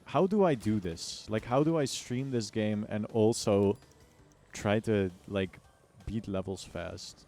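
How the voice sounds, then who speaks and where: Slow and warm, this low-leaning male voice comes from a US streamer chatting casually while he games. Music sits behind his slangy jokes and tongue-in-cheek, exaggerated complaints.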